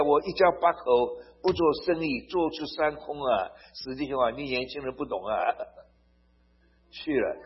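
A man delivers a storytelling sermon in a rough, breathy, fairly high voice. He swells loud and emphatic on key phrases and keeps asking his listeners for agreement. The recording is muffled and lo-fi. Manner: tells stories to make his points. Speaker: preacher. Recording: dull lo-fi recording.

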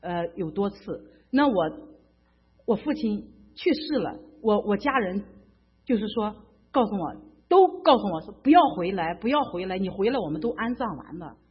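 A woman's voice: medium pitch, lively intonation, moderate pace. A middle-aged woman from mainland China giving an emotional, fervent personal faith testimony, often stammering and repeating herself. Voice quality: husky. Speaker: church member giving testimony. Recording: dull lo-fi recording.

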